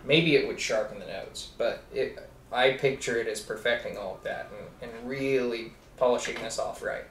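A man's voice: mid-range voice, moderate pace, a bit bright, slight background noise. A man co-hosting a casual whiskey tasting chat, rambling and laughing often as he restarts his sentences. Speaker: co-host of a whiskey review channel. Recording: echoey room, mic at a distance.

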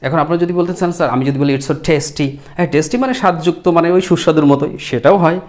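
Male tutor, fairly high voice, spells out example sentences slowly for the viewers. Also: a little mellow. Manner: slow, drawn-out model sentences; addresses viewers directly. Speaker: English teacher. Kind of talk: spoken English lesson.

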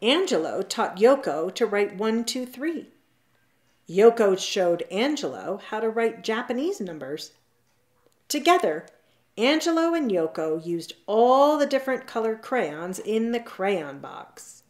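In a slow, drawn-out storybook style, a woman reads a picture book for children from her leather couch at home. Her pitch swoops lively up and down, and her delivery is expressive.

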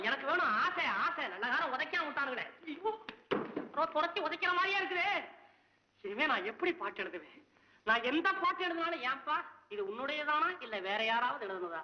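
An actor playing a poor, anxious male poet in a 1960s film, whining and frantic. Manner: frantic, whiny, jumps between high and low. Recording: dull old film soundtrack.

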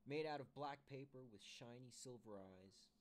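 A man reading a children's book aloud to his kids with expressive storytelling. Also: medium pitch, normal speed.

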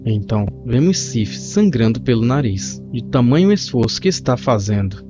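A man narrating a comic book as a reader, describing the panels in steady storytelling. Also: medium pitch, normal speed. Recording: muffled lo-fi with faint music.

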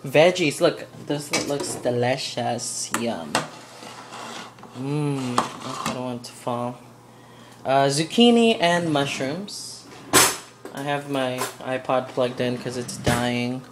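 Cooking in her home kitchen for a vlog, a young woman talks casually in a rumbling, low voice at a slow pace. She rambles and giggles as she goes, and the recording is very noisy.

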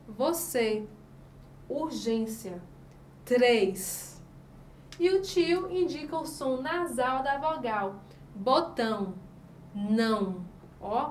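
A woman teacher with a Brazilian accent giving a review lesson for children, sounding out example words slowly and answering her own questions. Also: sits high, recorded from a distance, slight background noise. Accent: Brazilian Portuguese. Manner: slow, emphatic spelling out of example words. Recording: echoey room, voice off-mic.

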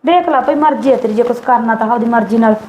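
A woman's voice: fairly high pitch, fast, mellow, natural voice. A woman playing a stingy sister-in-law who nags and taunts. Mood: taunting. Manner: taunting, nagging. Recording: echoey room, dull sound, faint hiss.

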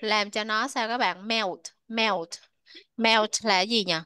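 This is a woman teaching English to young learners in a classroom. She works through a lesson step by step, drawing each word out slowly and repeating it for the class to echo. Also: mid-range voice, steady tone, sharp tone, smooth.

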